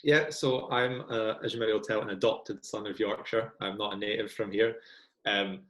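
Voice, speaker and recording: A man's voice: on the low side, steady tone, brisk, fairly bright tone, echoey room, rough recording. A young Scottish man talking casually as a podcast guest, chatty and self-deprecating with lots of ums. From Scotland. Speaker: guest football fan.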